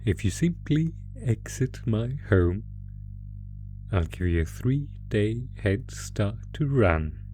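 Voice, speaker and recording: Man playing a slow, deep, sadistic monster. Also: animated, dark tone, faint music behind. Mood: coaxing, mock-generous. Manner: slow, taunting, mock-polite, savoring pauses. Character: sadistic male monster gleefully toying with a captive. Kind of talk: horror roleplay audio drama, ASMR. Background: musical score.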